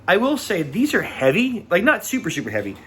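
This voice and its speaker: A man's voice: sits high, wildly swooping pitch, a little fast, pushed and bright, slight background noise. A man giving a casual, enthusiastic concert review, gushing and repeating words as he talks.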